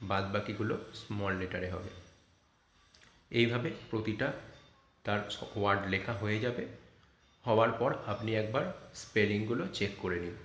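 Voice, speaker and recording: A man's voice: fairly low pitch, bright, forceful tone. A man speaking with a Bengali accent, a teacher patiently explaining to parents how to check a child's spelling, spelling words out letter by letter. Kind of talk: online lesson guidance for parents and tutors. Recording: echoey room with faint background noise.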